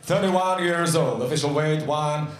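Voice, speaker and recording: Male boxing announcer, mature, high ringing voice, theatrical drawn-out introductions, echoing arena PA. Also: steady tone. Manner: formal, theatrical, booming delivery. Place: fight ring in a covered arena. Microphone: handheld microphone.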